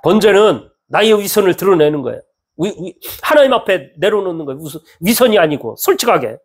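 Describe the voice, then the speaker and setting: A male pastor preaching a sermon in a church, animated and acting out the voices of people he quotes. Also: high-pitched, a little fast, breathy edge. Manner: animated, acts out quoted speech with lively swings in tone.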